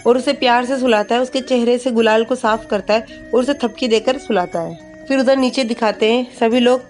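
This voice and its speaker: A woman's voice: a little high, moderate pace, a little mellow, soft background music. A woman narrating an episode recap of a TV serial, telling it plainly and quoting the dialogue.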